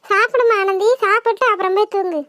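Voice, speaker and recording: A woman's voice: extremely high pitch, fairly even intonation, quick pace, sharp tone, no echo, studio quality. A woman voicing a village aunt and mother in a cartoon, scolding the children yet caring for them. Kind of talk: cartoon voice acting.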